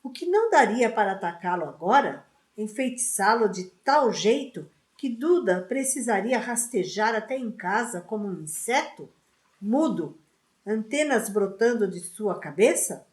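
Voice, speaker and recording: A woman reading a book aloud in a slow, expressive narration. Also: mid-range voice, echoey room. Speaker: audiobook reader.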